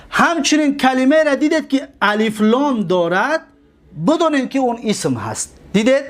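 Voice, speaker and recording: A man with a Tajik accent teaching grammar in a lecture, asking questions and answering them himself and drawing out his examples slowly. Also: high-pitched. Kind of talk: classroom lecture.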